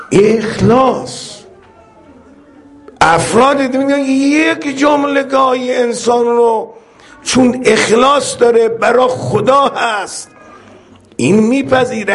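Man, very high-pitched, sermon, humorous storytelling, acts out characters. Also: expressive, pauses often. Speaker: preacher.

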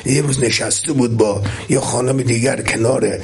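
A man's voice: medium pitch, fairly even intonation, creaky, a little mellow, breathy edge, soft background music. A male preacher giving an impassioned religious sermon and telling a story, rising to emphatic peaks.

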